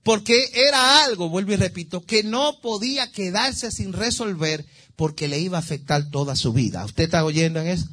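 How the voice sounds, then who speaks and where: High-voiced impassioned preacher man. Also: animated, moderate pace. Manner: impassioned, swings from quiet asides to shouted exhortation; calls on the congregation with repeated praise phrases. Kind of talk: sermon.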